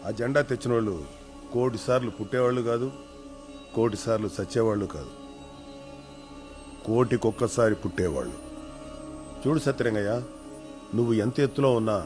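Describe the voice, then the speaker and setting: An actor playing a commanding man who gives weighty, measured speeches full of sayings in a film drama. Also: fairly low pitch, lightly acted. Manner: measured, proverb-laden speech. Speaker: political leader. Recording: film dialogue over music score.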